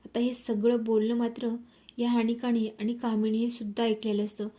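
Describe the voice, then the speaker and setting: A woman's voice: a little high, little pitch movement, normal speed, warm tone. Woman narrating a dramatic serial recap. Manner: dramatic storytelling, addresses the audience.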